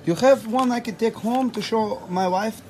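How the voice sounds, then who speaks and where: A man's voice: sits high, normal speed, darkish tone, close to an everyday voice. A man voicing an earnest, clueless Russian immigrant shopper with a Russian accent and broken English. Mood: earnest, chatty. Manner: broken English with dropped articles and mispronounced vowels. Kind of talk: prank conversation in a shop. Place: indoors, furniture store. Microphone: handheld phone camera. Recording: noisy handheld recording in shop.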